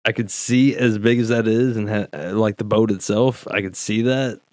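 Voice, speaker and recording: A man's voice: lowish voice, fairly even intonation, normal speed, darkish tone, no echo. Joking, rambling man. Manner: joking, rambling, heavy use of "like". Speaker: podcast co-host. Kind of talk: casual podcast chat.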